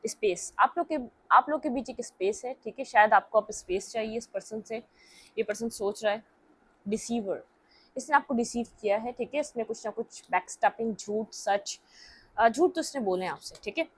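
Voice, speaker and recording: A young woman talks her viewers through a tarot reading in a relaxed, chatty way. Her voice sits on the higher side, and she keeps punctuating her thoughts with "okay" as she works through the cards. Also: moderate pace. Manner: talkative, keeps checking in with "theek hai", mixes English words. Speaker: tarot reader. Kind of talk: casual tarot reading to camera.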